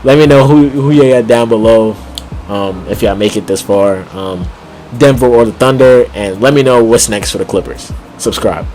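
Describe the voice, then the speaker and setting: A man's voice: on the low side, darkish tone, faint music behind. A man vlogging casual basketball commentary, rambling with plenty of fillers and slang and chuckling often. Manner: rambling, heavy on "like", quick laughs, slangy. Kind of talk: casual sports commentary vlog.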